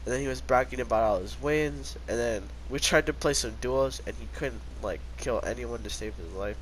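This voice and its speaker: A teenage boy, a vlogger with a medium-pitched voice stuffy and congested from a cold, casually rambles through a storytime at a moderate pace, quoting himself with plenty of "I was like." The recording is rough, with a little hiss or hum.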